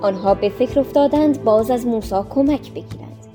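A woman tells a children's storybook in an expressive, measured way. Her voice sits slightly high, and soft music plays faintly beneath her narration.

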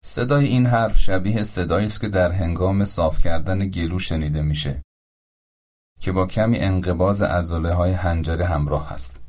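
Man, pronunciation teacher, very low voice, slow careful demonstrations, instructional tone. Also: darkish tone. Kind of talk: instructional explanation.

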